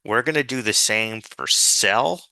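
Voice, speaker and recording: A man with a very bright, forward voice leads a software tutorial step by step. He speaks very slowly, dictating each piece in an informal, patient way. A gravelly creak runs through his fairly low-stakes, instructional delivery. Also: dry recording. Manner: dictating formulas piece by piece, spelling out letters and symbols. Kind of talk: step-by-step spreadsheet screen tutorial.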